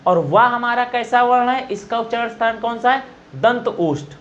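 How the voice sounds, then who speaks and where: A man's voice: extremely high pitch, moderate pace, highs cut off. A man teaching pronunciation for exams, patiently explaining and repeating sounds aloud to demonstrate them. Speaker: Hindi exam teacher. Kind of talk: classroom-style explanation.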